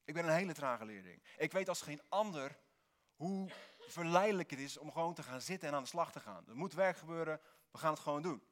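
A man preaching a sermon in Dutch, earnest, with bursts of lively emphasis. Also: fairly high pitch, a little fast. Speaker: pastor.

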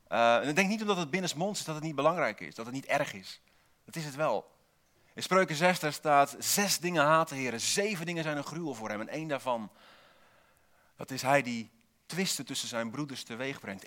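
A man's voice: medium pitch, animated, a little fast, a bit bright. Man preaching a sermon, repeating key words. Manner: builds points with repeated single words and rhetorical questions; wry asides to the congregation.

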